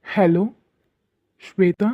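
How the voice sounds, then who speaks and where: A woman's voice: lowish voice, fairly even intonation, very slow, dry recording. A woman voicing a teasing cartoon husband. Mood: coaxing. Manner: teasing, pleading, exasperated. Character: exasperated young husband, teasing. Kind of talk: animated comedy dub. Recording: tinny phone-like sound.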